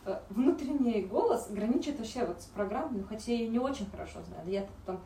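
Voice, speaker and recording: Woman, group member sharing; slightly high, mellow voice, rambling, searching for words. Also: expressive, fast. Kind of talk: sharing at a recovery group meeting. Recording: roomy, distant, faint background noise.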